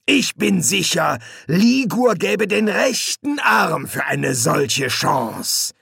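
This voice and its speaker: Audiobook demon villain, menacing and smug, drawn-out delivery, lively pitch, as a male narrator puts him on. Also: creaky, breathy edge, no echo, clean studio sound, heavily acted. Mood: gloating. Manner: slow, gloating.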